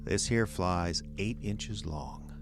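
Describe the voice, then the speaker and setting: A man's voice: deep voice, slow, music in the background. An actor playing Herbie, an earnest simple country man, in old-time radio drama style. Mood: deadpan.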